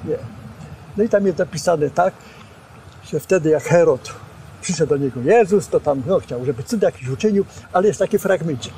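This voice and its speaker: Out on a campus lawn, an older man who once studied there and became a preacher reminisces about his teachers in an interview. His high voice moves at a normal speed as he gestures and acts out their quotes with lively energy. A boom mic captures him, with faint ambient noise in the background.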